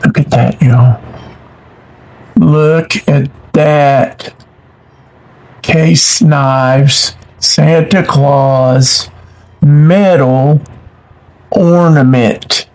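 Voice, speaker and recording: A middle-aged man hosts a casual unboxing, easily delighted and quick to exclaim over each item. His voice is gravelly with a rough edge. He takes his time, drawing out every word at an unhurried, easygoing pace. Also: fairly high pitch, rough recording. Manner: warm-hearted, easily delighted, exclaims often. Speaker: channel host unboxing mail.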